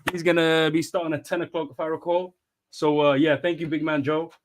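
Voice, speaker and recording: A man's voice: a little high, flat delivery, fairly quick, a little hiss or hum. A man from Eritrea hosting a casual interview, easygoing and chatty with a hype-man touch. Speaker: host.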